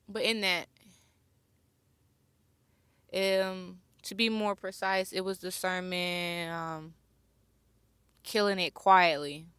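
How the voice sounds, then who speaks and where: A young woman hosting her own podcast, talking slowly and reflectively in a personal, heartfelt monologue and pausing to search for words. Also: mid-range voice, pushed and bright, clear, resonant tone, dry recording. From born near Chicago, raised near Atlanta. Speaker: podcast host.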